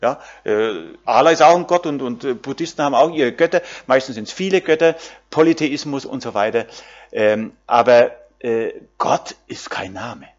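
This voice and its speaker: A man's voice: medium pitch, expressive, normal speed, dull audio. A man preaching a sermon, addressing the congregation directly with frequent fillers and tag questions.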